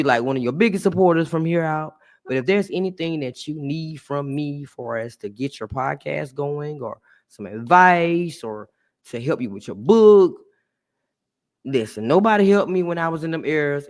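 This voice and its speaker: A woman hosting a podcast, chatting warmly and casually with a guest and her listeners, laughing often. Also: low voice, moderate pace. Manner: animated, laughs often, talks to listeners as y'all. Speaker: podcast host. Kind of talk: casual heartfelt chat.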